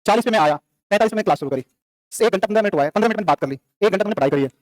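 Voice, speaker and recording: A male teacher, lecturing a classroom, quizzing students and answering his own questions in quick repetitive drills. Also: high-pitched, lively intonation, no echo.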